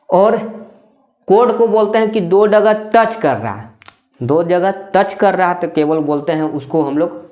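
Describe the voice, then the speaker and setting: Here a maths teacher with a medium-pitched, darkish voice explains in a classroom manner, and the audio has its highs cut off. Key terms come up again and again, alongside rhetorical questions and short tag-question check-ins.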